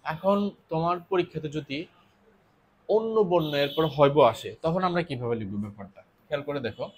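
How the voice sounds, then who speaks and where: A man's voice: on the high side, expressive, brisk, slight background noise. A man teaching an exam-prep lesson, explaining step by step, repeating key points and answering his own questions.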